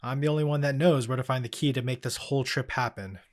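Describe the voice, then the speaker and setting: A man playing a calm occult expert. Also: mid-range voice, dry recording, clean studio sound, natural voice. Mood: level. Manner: measured, explanatory. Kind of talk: audio drama acting with narration.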